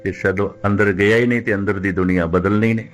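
A man preaching a Sikh sermon who poses rhetorical questions and slows right down to recite scripture lines. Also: fairly low pitch, steady tone, soft background music. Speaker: Sikh preacher giving katha.

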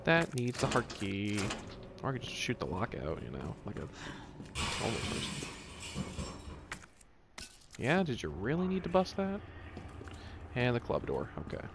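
A video game streamer gives casual let's play commentary, muttering wryly to himself, joking and swearing now and then. His medium-pitched voice swings hugely in pitch at a measured pace with long pauses, over background noise.

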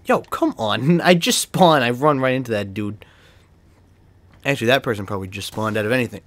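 Speaking fairly quickly in a mid-range voice, a young man with a Boston accent offers relaxed gameplay commentary for his gaming videos. He gets excitable, swears and laughs often, and lets out a yelp when something catches him off guard.

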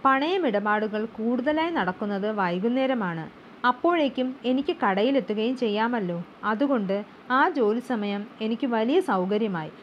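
A middle-aged male pawnbroker in an audiobook tale, plain and earnest, as a woman reader puts him on. The voice is fairly high, and the recording is a little dull, with faint hum. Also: lively intonation, a little slow.

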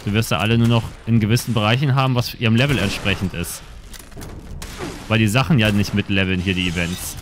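Low-voiced man casually commenting on gameplay. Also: steady tone, fairly quick, background noise. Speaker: game streamer.

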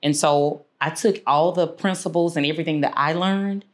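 Brief: low-pitched woman from Houston, interview guest, unhurried with many fillers. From Houston, Texas. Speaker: guest, insurance agency owner. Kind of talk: casual interview. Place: small studio room, seated.

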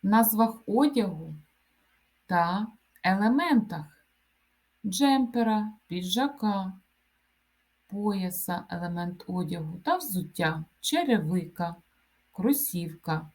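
Woman teacher, grammar lesson; unhurried, measured word-by-word delivery. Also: medium pitch, animated, darkish tone. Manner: slow, deliberate dictation-like delivery. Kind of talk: grammar lesson, reading example word lists.

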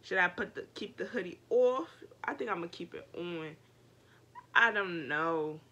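Reaction host, mid pitch, very bright and sharp tone, casual slang-heavy commentary to the audience. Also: expressive, moderate pace, dull audio. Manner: chatty, slangy asides to viewers.

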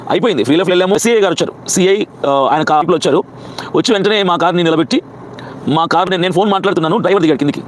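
A pastor with a Telugu accent tells his story at a breakneck pace. His voice sits high and keeps pressing forward, agitated. Faint street traffic hums behind him outdoors. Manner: rapid, agitated storytelling with acted quotes. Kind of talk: recounting a personal incident.

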